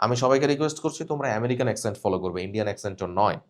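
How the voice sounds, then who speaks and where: A man's voice: on the low side, animated, racing. A man teaching a live class for cabin crew candidates, explaining and correcting students directly. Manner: instructive, corrects students directly, demonstrates readings. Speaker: cabin crew interview coach.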